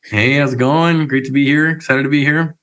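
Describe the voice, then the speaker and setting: A man's voice: mid-range voice, steady tone, brisk, fairly bright tone. A man in his late twenties, from Colombia and raised in Nebraska, chatting as an upbeat guest who often restarts his phrases. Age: late 20s. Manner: upbeat and eager, with frequent restarts. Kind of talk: casual interview chat.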